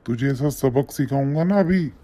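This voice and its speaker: A man voicing a drunk, aggressive young husband in an animated story, slurring and shouting down his wife. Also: mid-range voice, moderate pace, natural voice. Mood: belligerent. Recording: dull lo-fi with faint noise.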